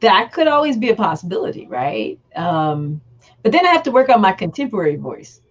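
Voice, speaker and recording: A woman's voice: mid-range voice, very animated, fairly quick, dull audio. A woman, a guest author, talking earnestly and at length in a casual chat over a video call. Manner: earnest, emphatic, explaining at length.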